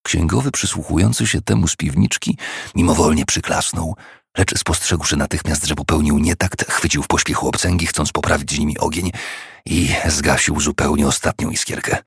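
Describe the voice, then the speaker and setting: A man reading a classic story aloud as the narrator, in a measured storytelling manner. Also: extremely low pitch, creaky, a bit bright, slightly rough, dry recording, studio quality. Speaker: audiobook narrator. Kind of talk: scripted narration.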